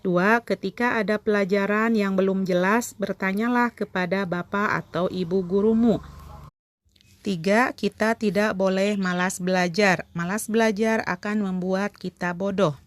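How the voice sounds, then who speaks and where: A woman with an Indonesian accent narrates a scripted lesson for schoolchildren as their teacher, enunciating carefully in short, measured phrases. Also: mid-range voice, steady tone, dry recording.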